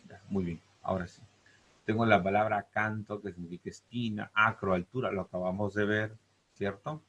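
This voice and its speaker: A man's voice: lowish voice, steady tone, moderate pace, a bit bright, slightly rough, highs cut off. A man teaching a class on word roots, who stretches out key words and keeps checking in with "¿correcto?" and "¿te das cuenta?". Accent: Peruvian Spanish. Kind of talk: classroom lesson on Greek roots.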